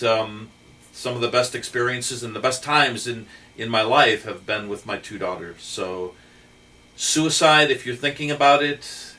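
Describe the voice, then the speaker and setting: Bright-voiced man giving an earnest faith talk. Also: mid-range voice, distant mic, rough recording. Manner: earnest, gentle, with fillers and pauses. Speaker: channel host. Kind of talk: heartfelt faith talk to camera.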